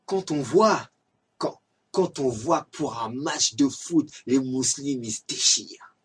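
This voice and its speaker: Amateur lay preacher, male, raspy and airy, exhorting, recorded from a distance. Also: mid-range voice, animated, slow. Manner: earnest, exhorting, repetitive. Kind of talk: religious reminder talk.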